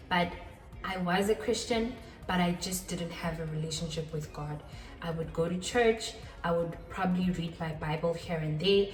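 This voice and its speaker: Chatty woman in her twenties, roomy echo. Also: on the low side. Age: 20s. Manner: chatty, self-deprecating, with quick laughs and repetitions. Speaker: channel host. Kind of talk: casual talking-head vlog. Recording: roomy echo, a little far from the mic.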